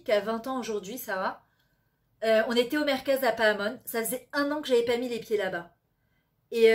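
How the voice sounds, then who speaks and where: A middle-aged woman giving a storytelling talk on parenting and faith, lively and sprinkled with Hebrew words, acting out the people she quotes. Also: fairly high pitch.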